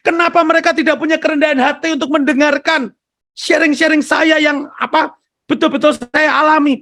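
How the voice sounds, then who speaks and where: A man's voice: high-pitched, fairly bright tone, exaggerated voice. A preacher voicing a hot-tempered man in his fifties, an American churchman, in heated and indignant outbursts. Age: 50s.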